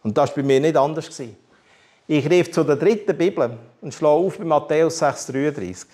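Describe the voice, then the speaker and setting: A man's voice: on the high side, brisk, dark tone. A man with a Swiss German accent preaching a candid personal testimony, telling his story with animation and humor. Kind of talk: testimony sermon.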